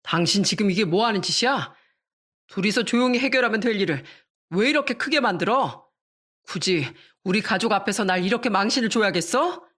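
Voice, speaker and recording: A woman's voice: mid-range voice, lively intonation, a little fast, a bit bright. A woman voicing a selfish, cheating middle-aged husband who stammers and sulks in a radio story. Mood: indignant. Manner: stammering, sulky and defiant.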